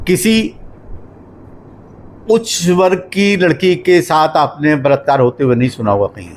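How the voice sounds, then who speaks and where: A man giving a formal spoken review of a poetry book at a literary discussion, measured and explanatory, working through examples. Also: a little high, a little hiss or hum.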